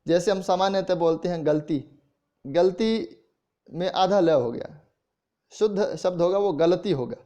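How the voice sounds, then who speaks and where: A man's voice: sits high, mellow, lo-fi sound. A man with a Rajasthani Hindi accent giving a college lecture on the history of the language, explaining step by step and sounding out words to show how they are pronounced. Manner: explains slowly, demonstrates pronunciation aloud. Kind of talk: classroom lecture.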